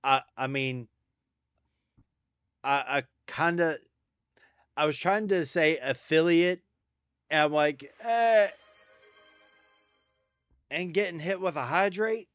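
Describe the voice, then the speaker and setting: Southern guy from the carolina mountains chatting on stream, bit high voice, dry dull lo-fi mic. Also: slow, long pauses, a bit bright, smooth, dry recording, soft background music. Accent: Southern US, North Carolina mountains. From North Carolina mountains. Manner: chatty, thanking viewers by name. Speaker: livestreamer. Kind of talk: casual livestream chat.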